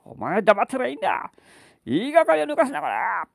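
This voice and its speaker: A man voicing a drunken, violent father who bellows rough threats in a storytelling performance. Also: a little high, sing-song, normal speed, no echo, clean studio sound. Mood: blustering.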